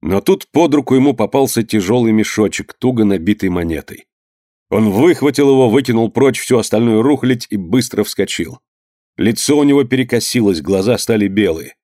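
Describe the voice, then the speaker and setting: An audiobook reader with a low, mellow, animated voice narrates a dramatic tale evenly, recorded dry and close to the mic with no room sound. His storytelling is measured and dramatic, and he voices the characters.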